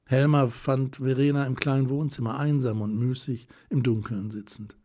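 A man reading literary fiction aloud, calm and measured. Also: medium pitch. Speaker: reader. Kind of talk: literary audiobook narration.

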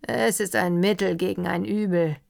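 A woman's voice: lowish voice, fairly even intonation, normal speed, vocal fry, darkish tone. A woman reading an audiobook, voicing a composed, ironic count who tells a story.

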